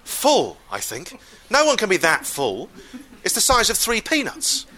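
A man telling a comic story live, wry and exasperated, with deadpan asides. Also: high-pitched, normal speed.

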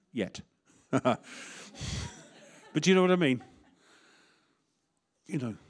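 A man's voice: medium pitch, expressive, very slow, husky. A man, a vicar preaching a sermon in a candid, conversational way with jokes and asides.

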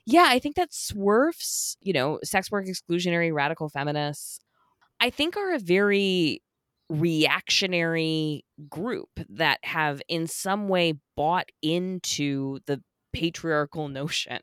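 A woman who advocates for sex workers' rights appears as a guest on a podcast interview, speaking in a low, smooth voice at a slow pace. She talks animatedly and with emphasis, frequently tagging her points with "right?". The recording is studio quality with no echo.

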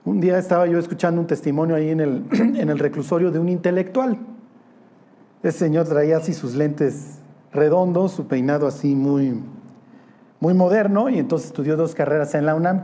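Warm, mellow preacher. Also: male voice, a little high, a little fast. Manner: conversational and teasing, with slang. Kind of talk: casual sermon.

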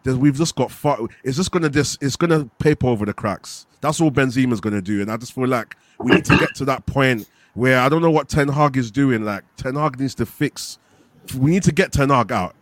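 A man's voice: mid-range voice, a little fast, no echo. London roadman-accented young man, dry close sound. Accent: London, urban street slang (roadman). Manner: slangy, emphatic venting with repeated tag questions. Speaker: football fan panellist. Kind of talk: casual football fan chat.

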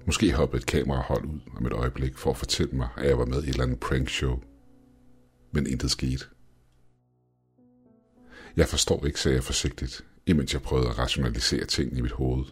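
A man reading a first-person story aloud in a measured, brooding way. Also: very deep voice, steady tone, husky, soft background music. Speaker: narrator.

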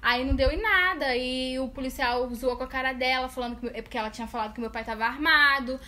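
Fast, bright-voiced Brazilian woman storyteller. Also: high-pitched. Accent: Brazilian Portuguese. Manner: animated, laughing storyteller. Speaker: podcast co-host telling a story. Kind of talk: casual chat among friends, storytelling.

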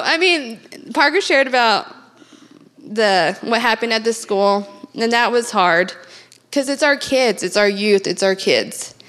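A woman's voice: medium pitch, a bit bright. A middle-aged woman, giving an earnest church testimony with many fillers and restarts. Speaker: church member sharing testimony.

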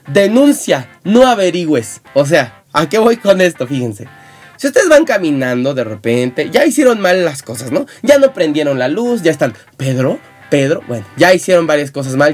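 A host with a Mexican Spanish accent gives comedic advice in a playful monologue, acting out little scenes in put-on voices. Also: mid-range voice. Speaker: show host.

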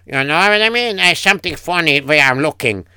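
A man's voice: on the high side, lively intonation, fairly quick, sharp tone, smooth, no echo, clean studio sound. A man playing a fretful Yiddish-accented husband. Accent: Yiddish-inflected English. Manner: kvetching, sighing oy vey. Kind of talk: improvised comic radio story.

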